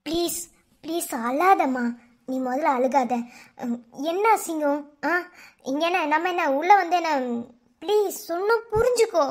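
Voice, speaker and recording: A woman voicing a caring village sister-in-law in a cartoon, with a Madurai Tamil accent. She gives orders briskly and soothes others. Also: very high voice. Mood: soothing. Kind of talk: cartoon voice acting.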